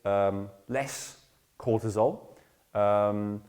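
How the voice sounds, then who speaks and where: A man's voice: on the low side, very slow, a little mellow. A man teaching an online course in a casual, rambling lecture, emphatic and blunt, often checking in with "right?". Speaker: course instructor.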